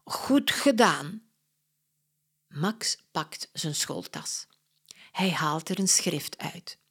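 A woman reading a children's story aloud in a clear, expressive way. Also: deep voice, takes it slowly, whispered.

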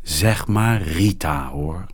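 A man reading a children's story aloud, voicing a mysterious, friendly woman horror writer who talks slowly and in a hushed, secretive way. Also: lowish voice, big pitch swings, voice pushed up, exaggerated voice.

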